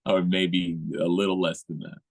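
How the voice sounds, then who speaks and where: A man's voice: low-pitched, little pitch movement, normal speed, no room sound. A young man in his twenties, a musical guest talking in a laid-back way in a casual interview and laughing often.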